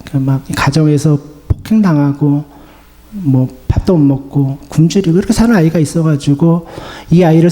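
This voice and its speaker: A man preaching a gentle sermon as pastor, voicing the Lord's comforting words to the congregation. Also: fairly high pitch. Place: church sanctuary. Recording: long church reverb.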